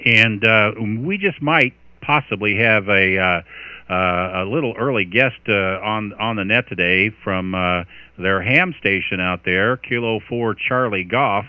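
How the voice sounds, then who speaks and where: An American man hosts a radio net in a marine radio style, calling for stations and spelling call signs phonetically. His voice is clear and smooth, close and dry, heard through a slightly dull, band-limited radio transmission. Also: lowish voice, unhurried, no room sound. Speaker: net controller, amateur radio host. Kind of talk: marine radio-style ham radio net calls and casual chat.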